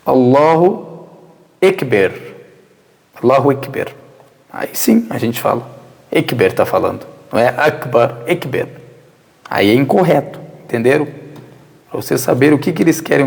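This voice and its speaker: The long reverb tail of a mosque prayer hall surrounds this Brazilian religious teacher's fairly high, fast voice, which has vocal fry and lively intonation. With a Brazilian Portuguese accent, he gives an informal lesson, answering questions from listeners and often raising rhetorical questions only to answer them himself.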